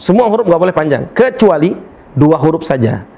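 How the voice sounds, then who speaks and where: A man teaches Quran recitation in a tajwid lesson, switching between explaining and chanting verses, demonstrating letter sounds slowly and repeatedly, then correcting students. His fairly high voice is sing-song and warm with vocal fry, and the sound is lo-fi.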